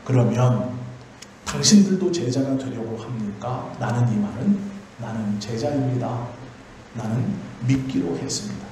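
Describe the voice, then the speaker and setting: Male pastor, sermon, asks and answers his own questions, warm tone, very echoey church hall, faint hum behind. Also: mid-range voice, measured pace. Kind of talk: Friday prayer sermon.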